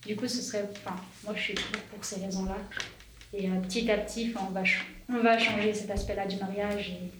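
A woman's voice: medium pitch, fairly even intonation, brisk. A twenty-year-old woman, a youth group leader, speaking thoughtfully and conversationally in a roundtable. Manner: thoughtful, conversational, uses filler words. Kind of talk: casual roundtable discussion. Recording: roomy, distant mic, noise behind.

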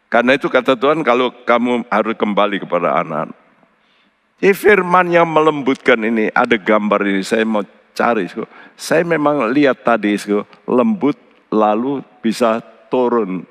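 A man preaching a sermon, earnestly addressing his listeners. His voice leaps high for emphasis, then drops low and quiet on solemn points. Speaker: pastor. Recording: long hall reverb.

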